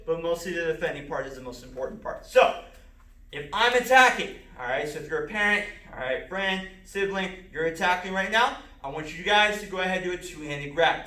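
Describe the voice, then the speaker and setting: A man, a martial arts instructor, calling out self-defense moves step by step in an empty martial arts school, with sharp shouts on the strikes. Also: sits high, roomy sound, recorded from a distance. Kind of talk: filmed self-defense lesson.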